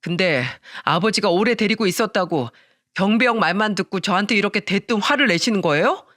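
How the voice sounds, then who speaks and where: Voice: medium pitch, animated, fairly quick, fairly bright tone, dry recording, studio quality, natural voice. A narrator voicing a self-justifying young husband who argues with his wife and father. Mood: defiant. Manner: pleading then defiant.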